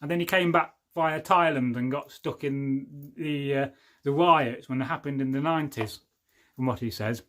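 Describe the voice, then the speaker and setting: An English man in his 40s hosts a casual livestream, joking and chatting loosely as he reads viewers' comments aloud, rambling and often losing his thread. His mid-range voice is a bit bright and moves at a moderate pace.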